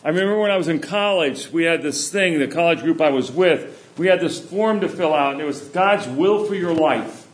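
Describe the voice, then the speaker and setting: A middle-aged man giving a sermon, telling stories in a relaxed, conversational way. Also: a little high, moderate pace, few pauses. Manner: anecdotal, conversational storytelling. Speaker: preacher. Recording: echoey room.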